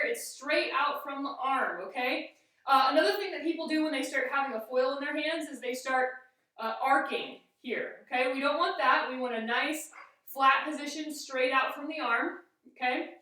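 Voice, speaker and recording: A woman's voice: high voice, fairly bright tone. A woman teaching fencing as an instructor, explaining a demonstration step by step and often checking in with a short "okay?". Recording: very echoey room, distant microphone.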